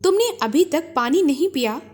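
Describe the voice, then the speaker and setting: A woman's voice: high-pitched, lively intonation, moderate pace, a little mellow. A woman storyteller voicing an old sorceress who pretends to be a kindly granny, in a coaxing, falsely affectionate way. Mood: sweetly scolding. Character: old sorceress posing as a sweet-talking granny.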